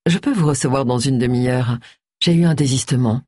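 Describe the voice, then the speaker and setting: Husky, blunt woman therapist, calm and cutting, as an audiobook narrator puts her on. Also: medium pitch, fairly quick, dry recording, studio quality, voice pushed down, natural voice. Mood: cool. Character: cool, blunt female psychotherapist with a husky voice. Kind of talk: audiobook character voice.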